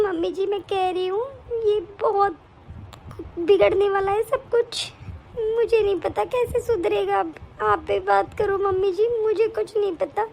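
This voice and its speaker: A woman voicing a young wife in an animated story, worried and pleading with her mother-in-law. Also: extremely high pitch. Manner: pleading, complaining.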